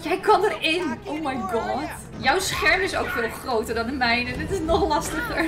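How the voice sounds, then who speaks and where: A young woman chatting casually and excitedly as she plays a game, giggly and quick to exclaim. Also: sits high, a loud crowd. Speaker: gaming streamer playing co-op with a friend. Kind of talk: casual excited gameplay chat. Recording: game music behind the voice. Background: game music.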